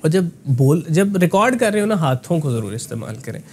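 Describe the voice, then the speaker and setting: A man giving a conversational voice lesson with a slightly raised pitch. He explains step by step, dotting his sentences with tag words and English phrases. Faint noise sits behind him. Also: very animated, brisk, a little mellow. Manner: explanatory, mixes in English phrases, frequent "ना" tags. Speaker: voice coach.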